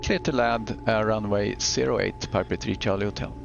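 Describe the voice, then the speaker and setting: Gravelly man on a cockpit headset. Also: on the low side, steady tone, normal speed, noisy background. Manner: clipped radio phraseology with hesitant fillers. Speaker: flight simulator pilot. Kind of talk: pilot radio calls to air traffic control. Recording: dull muffled audio with music behind.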